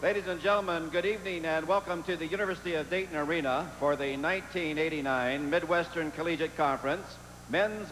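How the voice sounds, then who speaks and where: A man working as an arena public address announcer, formally introducing lineups in a deliberate, measured delivery with drawn-out names. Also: a little high. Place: large indoor sports arena, over public address. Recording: echoey arena PA with loud noise.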